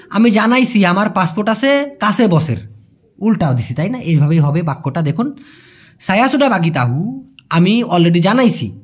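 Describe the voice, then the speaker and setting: A man with a Bangladeshi Bengali accent teaches a language lesson. He explains slowly, repeats each example and calls his listeners brother. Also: high-pitched. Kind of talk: language lesson for migrant workers.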